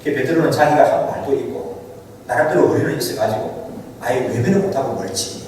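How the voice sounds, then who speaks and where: A man's voice: medium pitch, lively intonation, fairly quick, a little mellow, a little hiss or hum. A male pastor preaching a sermon, telling the story dramatically and asking the congregation rhetorical questions. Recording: echoey church hall from far off.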